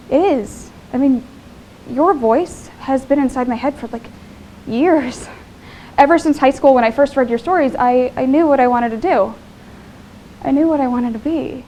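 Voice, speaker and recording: A woman's voice: high-pitched, dark tone, a little hiss or hum, low-quality recording. A woman playing an eager, gushing young writing student who stammers.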